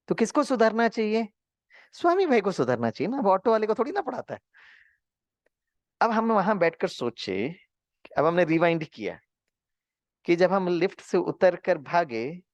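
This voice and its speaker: Animated male spiritual teacher, dry close sound. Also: high voice, no room sound. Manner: animated, acts out quotes, mixes in English words. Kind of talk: storytelling spiritual class.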